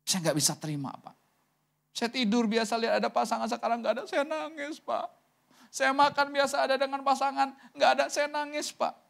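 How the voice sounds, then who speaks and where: A man's voice: on the high side, little pitch movement, fast, a bit bright, breathy edge, voice pushed down. A man preaching voices a grief-stricken widowed businessman who pleads and repeats himself. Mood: grieving. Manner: pleading, repeats the listener's title.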